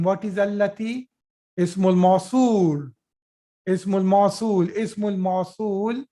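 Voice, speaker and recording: Male online language teacher, high voice, patient and repetitive, video-call sound. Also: a little mellow. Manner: patient, repeats each sentence slowly then explains. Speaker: Arabic teacher. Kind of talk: live online grammar lesson.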